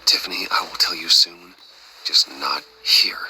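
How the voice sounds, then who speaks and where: A man playing a grieving, resolute billionaire with a secret life in a video game, speaking low, hushed and breathy with grave restraint. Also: fairly even intonation, a little slow, slight background noise, full character voice, poor audio. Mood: guarded. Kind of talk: video game dramatic acting.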